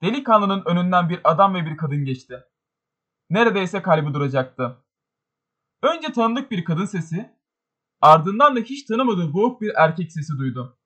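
Anlatım yapan yüksek sesli erkek okuyucu. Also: male voice, high-pitched, normal speed. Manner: expressive storytelling. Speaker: audiobook narrator. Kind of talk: scripted narration.

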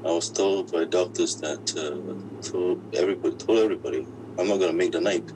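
Man with a deep disguised voice. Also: background noise. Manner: halting, often restarts words. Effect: voice disguised, pitched very deep. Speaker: interviewee. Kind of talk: personal account in an interview.

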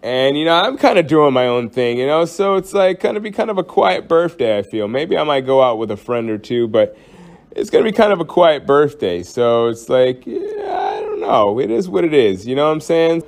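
With a slightly high voice that swings widely in pitch, a podcast host talks at normal speed on his own casual show. He wanders from point to point, jokes around, and often uses fillers and restarts.

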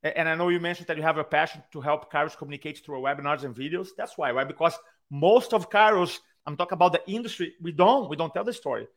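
A Brazilian-accented man talks fast in a fairly high-pitched voice. The speaking coach is in his own room on a video call for a podcast interview, animatedly storytelling and acting out quotes.

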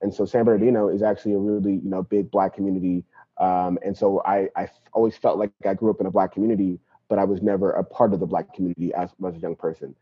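Speaking at a quick pace in a low, level voice with a breathy edge, a young Nigerian man talks reflectively about his life as a podcast guest and activist. It's casual interview talk peppered with "you know" and "right?", recorded in dull lo-fi sound.

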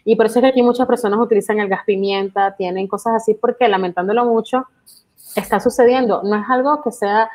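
A young adult woman with a Venezuelan accent, co-hosting a casual podcast chat and telling animated stories, acting out the lines people said to her. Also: mid-range voice, quick pace, low-quality recording. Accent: Venezuelan Spanish. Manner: animated storytelling, acts out quoted lines. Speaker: podcast co-host.

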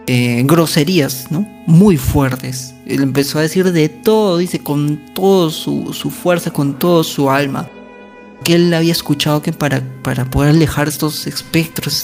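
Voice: medium pitch, vocal fry, darkish tone. Storyteller over faint music. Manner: conversational, frequent tag questions and fillers. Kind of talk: casual retelling of a ghost story.

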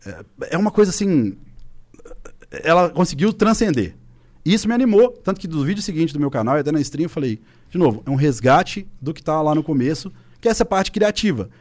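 Sitting in a podcast studio, an esports coach in his thirties from Minas Gerais, Brazil, chats casually as a guest. His voice is a little high and a little fast, and his lively storytelling is thick with filler words.

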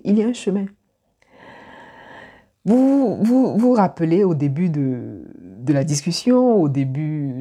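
A woman's voice: low-pitched, warm tone, breathy edge. A woman from Ivory Coast, giving a reflective motivational talk straight to the viewer and often repeating words as she thinks. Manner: reflective, repeats words while searching for them. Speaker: personal development speaker.

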